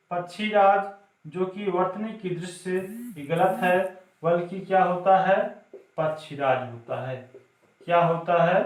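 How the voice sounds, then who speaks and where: High-pitched male tutor drilling spelling, heard from off-mic in a roomy space. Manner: repetitive call-and-response quizzing. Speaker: Hindi spelling teacher. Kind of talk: classroom lesson. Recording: echoey room, mic at a distance.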